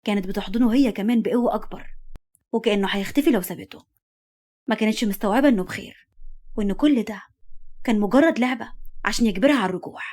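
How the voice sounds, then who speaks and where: A woman with an Egyptian Arabic accent narrates a dramatic story in scripted style. Her pitch sits mid-range and she reads at a brisk pace. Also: a little mellow.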